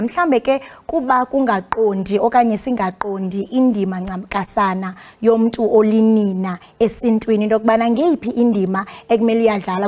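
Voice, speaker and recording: A woman's voice: medium pitch, a little mellow. A South African woman with a Xhosa accent, hosting an interview programme. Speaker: broadcast host.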